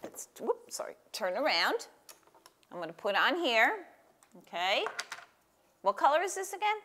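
An older woman hosts a children's story time and craft in a small indoor room with a table, reading aloud and guiding a young child with simple, encouraging phrases and questions. Her voice is a little high, sing-song, slightly slow and sharp. The lapel mic picks up a little hiss or hum.

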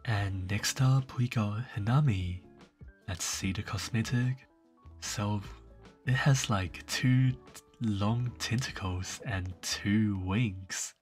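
A man's voice: on the low side, takes it slowly. A young man casually commenting on game cosmetics, rambling and laid-back with lots of fillers. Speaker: gaming channel host. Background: faint background music.

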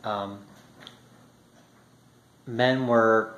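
A history vlogger in his thirties talks unscripted to the camera in his home kitchen, hesitating with lots of ums and restarts. His voice is lowish, fairly even, extremely slow, and a bit bright, with the highs cut off. The built-in camera mic at arm's length catches roomy kitchen echo and faint ambience.

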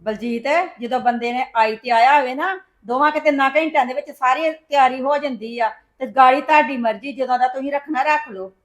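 A woman plays a persuasive sister in a family drama. Her voice sits high, and she keeps coaxing and pressing her point. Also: brisk, few pauses. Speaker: actor in a family skit. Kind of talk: scripted Punjabi family drama.

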